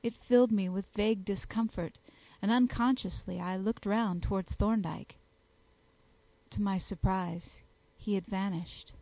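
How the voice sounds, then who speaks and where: A woman reading a detective story aloud as an audiobook, in an even, steady storytelling manner. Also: medium pitch, measured pace, dry recording, low-quality recording. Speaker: audiobook reader. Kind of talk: audiobook narration.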